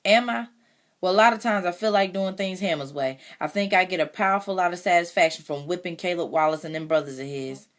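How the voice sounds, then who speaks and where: A woman's voice: fairly low pitch, brisk, voice pushed up, natural voice. A woman reading aloud voices a proud, injured farmer father who talks bluntly and firmly. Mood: bitter. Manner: blunt, firm.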